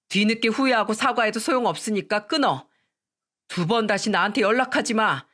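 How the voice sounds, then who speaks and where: A woman's voice: medium pitch, fairly bright tone, lightly acted. A blunt, scornful divorced man snaps short rebukes, voiced by a woman reading the story. The delivery stays curt and contemptuous, a radio-story scolding.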